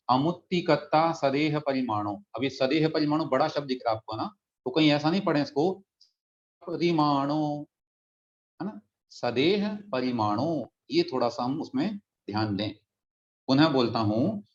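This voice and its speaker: Patient man teaching scripture, lo-fi sound. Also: mid-range voice. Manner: patient, deliberate explaining; slow chanting of verses. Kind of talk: religious text lesson. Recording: dull lo-fi audio.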